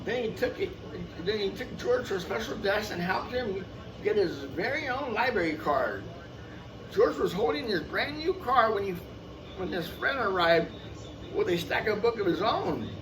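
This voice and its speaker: At a normal speed, a man with a highish, lively voice reads a picture book aloud to kids. As a storyteller, he's expressive, throwing in little asides and repeating phrases for the young listeners, and the noisy recording comes from a distance.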